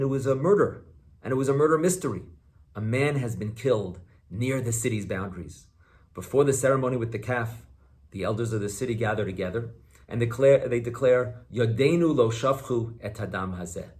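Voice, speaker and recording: Guy rabbi giving a sermon, mid-pitched voice, earnest and questioning, leans on key phrases. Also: darkish tone. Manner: questioning, posing rhetorical questions and answering them. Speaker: rabbi giving a Torah talk.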